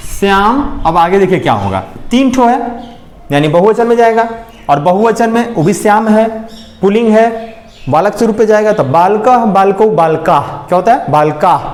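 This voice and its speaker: A man's voice: high voice, big pitch swings, normal speed, darkish tone, echoey room. A male teacher giving a lesson, often repeating points and asking questions to check understanding. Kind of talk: classroom lecture.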